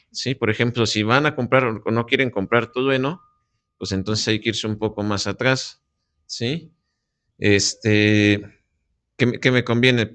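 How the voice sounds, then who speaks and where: Low, smooth-voiced male professor. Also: fairly bright tone, no echo. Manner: questioning, constantly asks "¿sí?". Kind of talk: classroom feedback.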